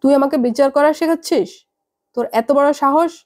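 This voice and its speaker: A woman's voice: on the high side, steady tone, moderate pace, mellow. A woman voicing an angry, proud middle-aged mother who scolds her daughter over the phone in a heavy voice. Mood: scolding, furious.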